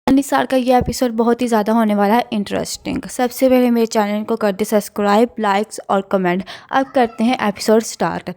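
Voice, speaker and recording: A woman's voice: a little high, fairly even intonation, hardly any pauses, a little mellow. A woman hosting a channel that recaps drama episodes, retelling scenes casually and reading the characters' lines in her own plain voice. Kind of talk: casual spoken story recap.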